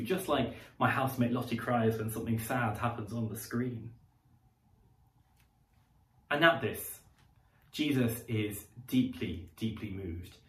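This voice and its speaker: A man preaching a sermon in an unhurried, reflective way, often pausing and filling gaps with soft hesitations. His voice sits in a middle register and carries a roomy echo, picked up from some distance away in a church. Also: medium pitch. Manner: conversational, reflective, with frequent pauses and fillers.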